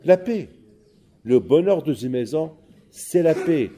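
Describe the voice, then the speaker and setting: A male preacher telling a story in a sermon, lively and repeating his key points. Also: fairly high pitch, slow pace. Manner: animated storyteller who repeats key words.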